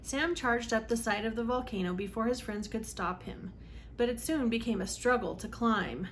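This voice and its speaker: At normal speed and with a slightly high voice, a woman reads a storybook aloud for kids, leaning dramatically into the exciting parts. There's a little hiss or hum.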